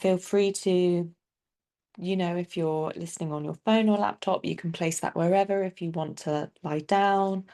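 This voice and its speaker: In this clip a teacher, a woman whose voice leans low, walks through a body scan meditation. She keeps things quiet and comforting, with long, relaxed pauses.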